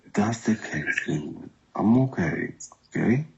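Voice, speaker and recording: A man speaking through a voice changer on a call, defensive and halting as he pleads his case. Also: expressive, a little mellow. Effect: voice changer, unnaturally deep and gravelly. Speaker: caller in an online romance. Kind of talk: phone call. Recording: dull lo-fi call audio.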